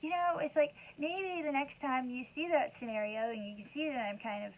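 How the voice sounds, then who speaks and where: A woman's voice: high voice, brisk. A woman and mother speaking in a casual, rambling motivational talk full of conversational asides. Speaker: wellness talk host. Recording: dull lo-fi sound with faint background noise.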